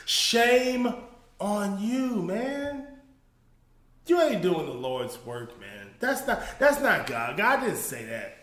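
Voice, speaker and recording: A man with a high, swinging voice hosts a casual comedy commentary, often cracking up with laughter. He talks slowly and draws out his words with mock outrage. The sound carries a noticeable room echo. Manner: laughing, animated, mocking. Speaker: podcast host.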